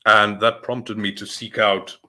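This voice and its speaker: A man's voice: lowish voice, level tone, unhurried, sharp tone, slight background noise. A man co-hosting a podcast, talking in a rambling, hesitant way with frequent chuckles. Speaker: podcast co-host. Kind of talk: casual chat.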